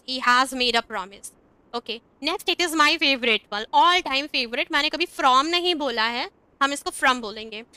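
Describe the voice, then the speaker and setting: A young Indian woman teaching English online, saying example sentences slowly and carefully between quicker explanations. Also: high voice, bright, forceful tone, clean tone, dry recording.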